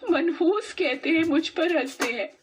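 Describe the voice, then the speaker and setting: Woman doing a weepy little cartoon girl, high and pleading. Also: measured pace. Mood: tearful. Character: young girl, grieving orphan, tearful and pleading.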